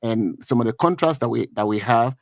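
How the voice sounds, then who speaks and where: A middle-aged Liberian man with a Liberian accent offers political commentary on a talk show. His voice is mid-range and gravelly, recorded with no echo, and he speaks haltingly, repeating words and using many fillers.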